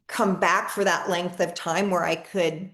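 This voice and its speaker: A woman's voice: on the low side, steady tone, a little slow, a bit bright. A woman leading a live online energy healing session on a video call. She talks in a chatty, enthusiastic way and often repeats and restarts her words. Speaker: energy healer.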